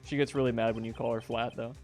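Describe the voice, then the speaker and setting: A man's voice: medium pitch, flat delivery, fast talker, darkish tone, faint music behind. A man streaming a game, joking casually with friends. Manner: joking, laughs often. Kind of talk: casual let's-play chat.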